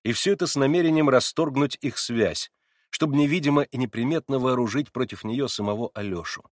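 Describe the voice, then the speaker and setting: A man reading a classic novel aloud in measured, even literary narration. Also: mid-range voice, no echo. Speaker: audiobook reader.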